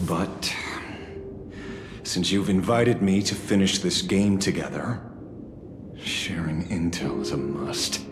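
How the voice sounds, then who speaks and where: A jaded game detective, real low voice, sardonic, slow and dramatic w music behind. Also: male voice, roomy sound. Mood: wry, brooding. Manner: sardonic, dramatic, deliberate delivery. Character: jaded, defiant male detective, gruff and sardonic.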